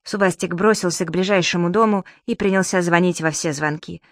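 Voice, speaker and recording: A woman narrating a children's audiobook in an even storytelling voice. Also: fairly low pitch, a little fast, no room sound, studio quality. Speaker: audiobook reader.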